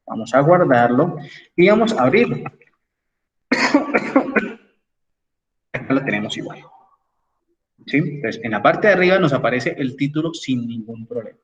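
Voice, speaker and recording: A man's voice: mid-range voice, very animated, a little slow, pauses often, distant mic, muffled recording. A man lecturing an engineering class online, explaining step by step and checking in with his students as he goes. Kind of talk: online class with screen sharing.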